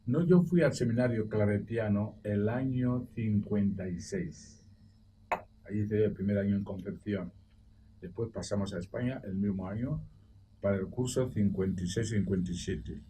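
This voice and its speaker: An older man from Equatorial Guinea telling lively anecdotes on a studio roundtable, his mellow, dark voice jumping into the voices of the people he quotes. He sits some way from the mic, with a faint hiss of noise behind him. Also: fairly low pitch, normal speed, far from the mic. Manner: animated anecdote-teller, acts out quoted voices. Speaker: debate guest, former school director. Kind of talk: roundtable debate.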